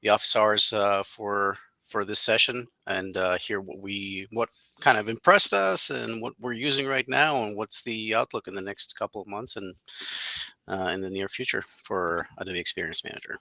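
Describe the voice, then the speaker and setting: A man from the US introduces himself on a webinar. His voice is low and gravelly, with a very bright edge, and the sound is dry. He speaks in a relaxed, hesitant way. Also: moderate pace, no echo. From United States. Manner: relaxed, hesitant, many uhs. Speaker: guest panelist. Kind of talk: casual self-introduction.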